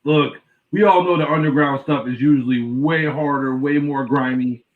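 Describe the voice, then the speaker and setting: A man's voice: mid-range voice, fairly even intonation, moderate pace, slight background noise. A man who is a guest host on a casual chat, explaining his points in a laid-back way. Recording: distant, dull lo-fi remote audio.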